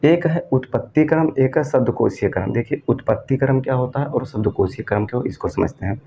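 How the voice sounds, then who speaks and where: A man teaches an exam-prep grammar lesson in a relaxed, mellow voice. He poses questions and answers them himself, repeating the key terms. The recording is dull and lo-fi, with a faint hiss of noise behind him. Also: medium pitch, brisk, vocal fry. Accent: Hindi, from northern India.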